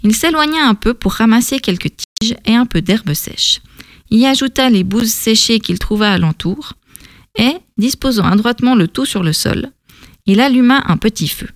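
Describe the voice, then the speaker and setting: A woman narrating a storybook in a calm, measured reading voice. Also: on the high side, no echo, studio quality.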